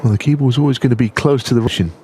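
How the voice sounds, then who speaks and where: A man giving understated, analytical snooker commentary in the hushed, measured manner of a golf commentator. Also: medium pitch, background noise.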